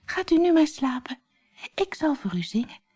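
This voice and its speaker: A woman voicing a small, kind male nightingale in a storybook, in a high and sweet, soothing voice. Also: big pitch swings, normal speed, background noise.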